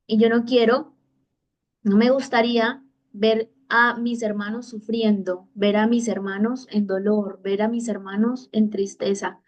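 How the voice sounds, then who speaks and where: A woman's voice: a little high, level tone, unhurried. A woman giving a spiritual master class, speaking earnestly and reflectively from her own experience. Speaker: spiritual teacher.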